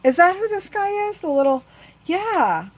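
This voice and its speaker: A woman's voice: extremely high pitch, big pitch swings, normal speed, rough recording. A middle-aged woman rambling chattily to her viewers while she works on a crafting livestream. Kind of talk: casual crafting livestream chat.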